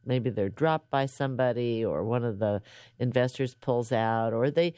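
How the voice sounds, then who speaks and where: Low-voiced woman radio host. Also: moderate pace, mellow, smooth, no room sound, studio quality. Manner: conversational, laughs easily. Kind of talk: radio interview.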